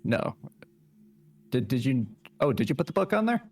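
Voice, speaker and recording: A man's voice: medium pitch, very animated, moderate pace, darkish tone, slightly rough. A man in casual gameplay chat, guiding the player as a co-streamer.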